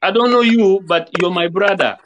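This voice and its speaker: Male guest on a webcam call, earnest and repetitive, slightly high voice, faint hiss. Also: normal speed. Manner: earnest, preachy, repeats himself, acts out quoted greetings. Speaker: guest musician. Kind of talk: casual interview talk over video call. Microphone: video call webcam.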